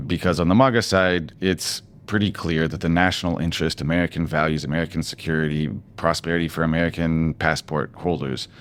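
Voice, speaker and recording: A man hosting a podcast interview, asking measured, probing questions. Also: extremely low pitch. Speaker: podcast host.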